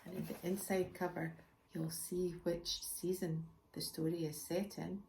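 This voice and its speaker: A woman, the author, reading her picture book aloud to children, expressive and chatty with asides to her listeners. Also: lowish voice, measured pace, creaky, a little hiss or hum. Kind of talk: children's storybook read-aloud.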